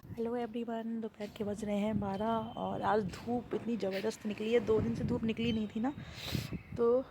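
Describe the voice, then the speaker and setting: A young woman with a sore throat, talking slowly and softly in a casual home vlog from a sunny rooftop. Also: medium pitch, noisy background. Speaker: vlogger.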